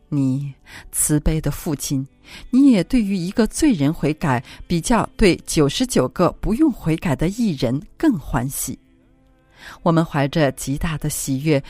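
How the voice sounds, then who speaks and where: A low-voiced woman reads devotional prose with solemn, expressive phrasing. Her intonation swings widely from line to line. The recording is dry and close, with faint music playing softly behind her. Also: no room sound. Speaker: audiobook reader. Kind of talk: reading a religious classic aloud.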